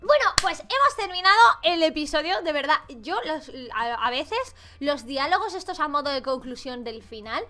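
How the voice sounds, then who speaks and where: Very high-pitched Spanish woman gaming. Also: moderate pace, few pauses. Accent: Spain Spanish. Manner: animated and jokey, swears playfully, laughs often. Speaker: gaming YouTuber. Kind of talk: let's play commentary of a dating game.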